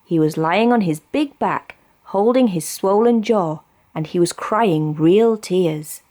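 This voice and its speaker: A woman with a British accent narrating a children's storybook expressively, with deliberate phrasing. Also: on the low side, mellow. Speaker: storybook reader.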